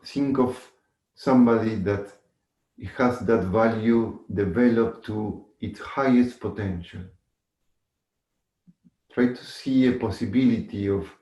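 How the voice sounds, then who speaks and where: Guy doing guided meditation, really slow and mellow, roomy echo. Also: on the low side, muffled recording. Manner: measured, instructive, with long pauses and gentle repetition. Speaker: meditation teacher. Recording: echoey room.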